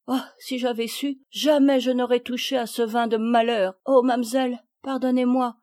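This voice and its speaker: A woman's voice: a little high, level tone, normal speed, darkish tone, no room sound, clean studio sound, voice pushed up, natural voice. A woman voicing a peasant girl who is tearful and contrite.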